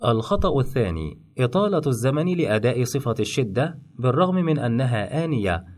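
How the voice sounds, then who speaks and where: Male teacher, scripted lesson narration, measured and explanatory, mid-pitched. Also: a little mellow. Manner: measured, explanatory, demonstrates sounds. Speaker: phonetics teacher.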